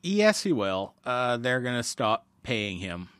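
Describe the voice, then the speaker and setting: A man's voice: medium pitch, big pitch swings, slow pace, fairly bright tone, clear, resonant tone, dry recording. A man co-hosting a casual podcast, talking in a dry, sardonic, contrary way. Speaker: podcast co-host.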